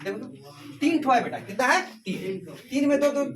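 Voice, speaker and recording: A man's voice: very high voice, lively intonation, normal speed, recorded from a distance, crowd noise. A male teacher lecturing and drilling a class, repeating questions and calling students beta. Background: students answering.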